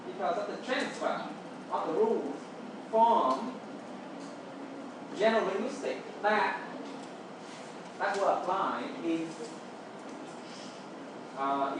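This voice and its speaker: In a classroom lecture, a native Vietnamese speaker with a medium-pitched voice and a Vietnamese accent explains material, dropping in "okay" and "right" to make sure students follow. The audio is noisy and echoey, captured from far off in a roomy indoor space with noise behind.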